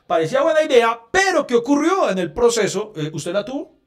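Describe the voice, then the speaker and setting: A man co-hosting a podcast, telling animated stories, acting out quotes and laughing often. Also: very high-pitched, a little fast, faint music behind. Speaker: podcast co-host. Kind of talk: casual podcast banter.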